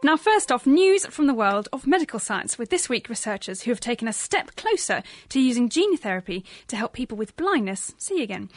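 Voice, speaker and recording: A woman with a fairly high voice presents science news in an enthusiastic, explanatory way. The sound is close and dry, like a show co-host reading from notes and adding her own explanations. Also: dry recording.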